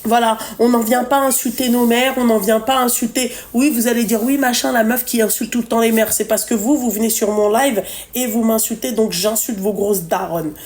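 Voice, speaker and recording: A woman talks on her live stream in casual, unscripted chat. Her voice sits a little high, and she hands out blunt advice with plenty of swearing and hesitant fillers. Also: fairly even intonation, moderate pace, few pauses, a little mellow. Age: 30s.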